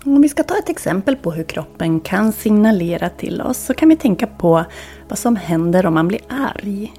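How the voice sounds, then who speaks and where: A woman hosting a wellness podcast, talking in a calm, reflective, instructive way that sometimes drops to near-whispers. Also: medium pitch, soft background music. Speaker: podcast host and wellness coach.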